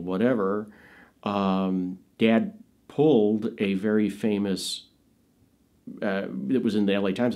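In a small indoor studio hung with dark curtains, an American man in his fifties, an actor and filmmaker, recalls his father in an interview. His voice is on the low side and darkish, and he tells chatty anecdotes casually, like a natural raconteur.

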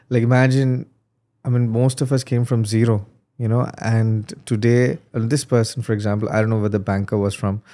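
Male podcast host, 30s, from Dubai, animated and conversational; warm mellow tone on a desk mic. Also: on the low side. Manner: animated, talks with his hands. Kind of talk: conversational interview. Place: studio set with desk. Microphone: desk boom mic.

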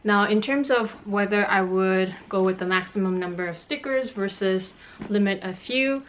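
A Montreal woman in her thirties whose first language is Cantonese chats through a fashion Q&A vlog from her bedroom, laughing often and explaining with hand gestures. Her voice is mid-range at a normal speed, with a little hiss or hum on the recording.

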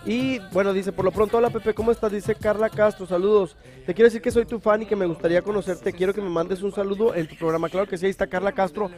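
A man hosts a live morning show in a high, bright-toned voice. He chats loosely and affectionately while reading viewer messages. Faint music plays underneath. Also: fairly even intonation, quick pace, few pauses. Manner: chatty, affectionate, reads viewer messages aloud. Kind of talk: casual live TV chat.

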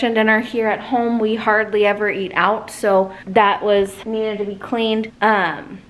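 A woman in her thirties chatting casually to a handheld camera in her kitchen about her cleaning, relaxed and rambling with the odd filler. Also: mid-range voice. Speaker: home cleaning vlogger. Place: her home kitchen and living room. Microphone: camera held at arm's length.

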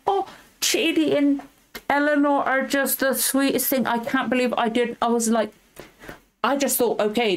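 Gushing woman reacting to a show. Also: a little high. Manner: gushing, effusive, quick asides. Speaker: reaction video host. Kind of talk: casual reaction commentary.

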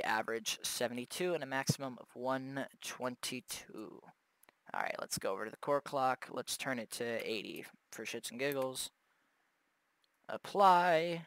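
A young tech video host casually talks through overclocking a graphics card at his home gaming setup, where the fans are loud. He is laid-back and chatty in unscripted commentary, with lots of fillers and the odd swear. His mid-range voice is a bit bright, and the recording is dry.

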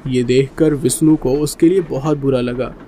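A man's voice: mid-range voice, moderate pace, a little hiss or hum. Man narrating a horror story. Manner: steady, suspenseful.

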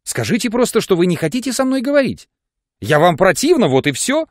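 A man's voice: high voice, sing-song, brisk, dry recording, studio quality, pitched above the performer's own voice. A man voicing Zinaida Fyodorovna, a desperate, tearful woman who pleads with her lover in an audiobook. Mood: pleading. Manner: sobbing, pleading, overwrought.

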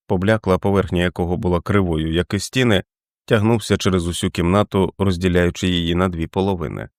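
A man reading a novel aloud as an audiobook, in a steady, measured way. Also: deep voice, no room sound, clean studio sound. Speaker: audiobook reader. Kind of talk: scripted narration.

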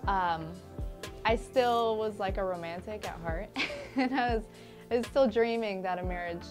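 A woman's voice: medium pitch, measured pace. A young woman from Liberia answering interview questions, chatty and laughing often, with frequent fillers. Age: young adult. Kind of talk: casual interview. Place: indoor studio set with curtains. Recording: studio interview with music underneath. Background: background music.

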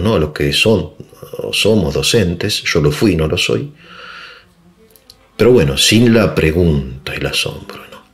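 Low-voiced man giving a philosophy talk. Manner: conversational, often adds tag questions; digressive with frequent fillers. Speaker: philosophy lecturer. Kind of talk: informal philosophy lecture.

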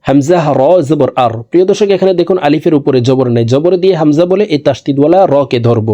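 A man's voice: fairly high pitch, quick pace, warm tone, dull audio. A man with a Bangladeshi Bengali accent teaching Quran recitation syllable by syllable, patiently repeating each sound and drawing the words out for learners to copy. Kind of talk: spelling-out Quran lesson, slow drawn-out recitation.

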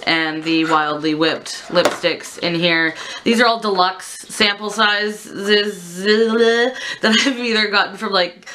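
A woman beauty vlogger with a sick, stuffed-up swamp-monster croak. Her voice sits a little low yet has a bright, forceful edge. She rambles in a candid, casual way as she talks through products. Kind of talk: casual chatty product declutter. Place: indoors at a makeup desk.

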